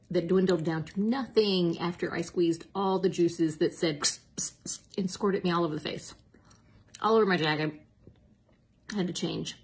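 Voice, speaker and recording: A woman's voice: fairly low pitch, slightly rough. A middle-aged woman, chatting casually and self-mockingly as a diet coach in a cooking vlog. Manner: chatty, self-mocking, drops to a whisper at times.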